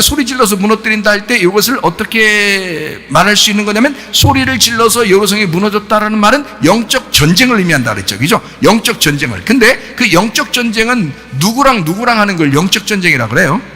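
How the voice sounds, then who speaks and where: A man preaching a sermon as a pastor. He keeps asking the congregation questions and breaks into sudden shouts. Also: high voice, long reverb tail. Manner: animated, rhetorical questions to the congregation, bursts of shouting. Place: church sanctuary.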